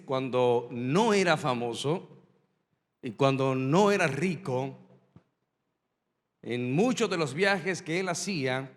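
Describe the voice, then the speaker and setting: A man preaching as a pastor, his voice pitched high for a man. He leans on repetition and dramatic pauses to drive his points home. A long, hall-like reverb trails behind every phrase. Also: fairly bright tone. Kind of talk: sermon storytelling.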